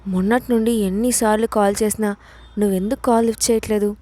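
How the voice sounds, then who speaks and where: A woman's voice: mid-range voice, steady tone, quick pace, mellow, lightly acted. A woman doing a scheming young woman, all sugary. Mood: pleading.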